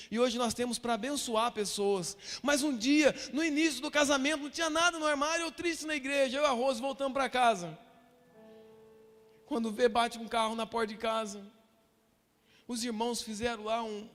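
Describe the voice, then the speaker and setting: A man with a Brazilian Portuguese accent preaching a fervent sermon as pastor, repeating phrases and building to shouts, recorded in a church hall. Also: very high voice. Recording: long echo of a church hall.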